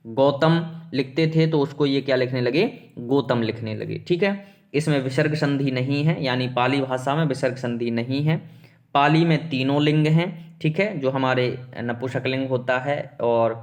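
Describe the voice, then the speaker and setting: A man's voice: medium pitch, a little mellow. Guy teaching exam prep, keeps asking questions and answering them himself, calls students beta. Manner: explains step by step with rhetorical questions.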